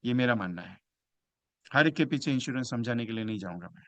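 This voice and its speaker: A man giving a motivational sales training talk. He is emphatic, jumps from loud bursts to quiet asides, and acts out phone calls with clients. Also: medium pitch, expressive, fast talker, dry recording.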